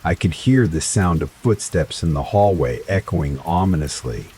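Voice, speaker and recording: A man narrating a first-person horror story in a slow, dramatic scripted style. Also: deep voice, animated, warm tone, breathy edge. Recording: faint rain sounds behind voice. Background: rain ambience.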